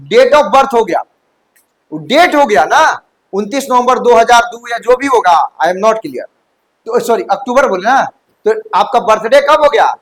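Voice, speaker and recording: High-voiced male coaching teacher. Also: low-quality recording. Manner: checks understanding often, mixes English terms into Hindi. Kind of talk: classroom lecture. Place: classroom.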